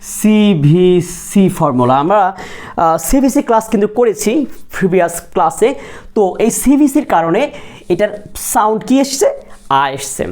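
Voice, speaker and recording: A woman's voice: medium pitch, sing-song, unhurried, a little mellow. A woman with a Bangladeshi accent teaching English pronunciation at a board. She explains step by step, asks questions and answers them herself, mixes English into her Bengali and coughs now and then. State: coughing, clears her throat. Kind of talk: classroom lesson at a board.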